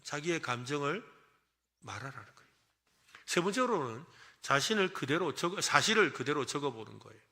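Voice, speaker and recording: Male pastor, higher-pitched and very lively in pitch, leads call-and-response and acts out feelings. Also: brisk. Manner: leads the congregation in counting and repeating phrases, acting out feelings. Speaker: senior pastor. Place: church service.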